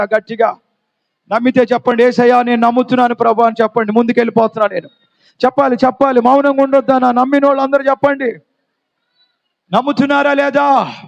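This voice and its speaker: A man's voice: extremely high pitch, vocal fry. A man preaching a sermon, fervently calling on his congregation to respond. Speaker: pastor. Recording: dull lo-fi sound.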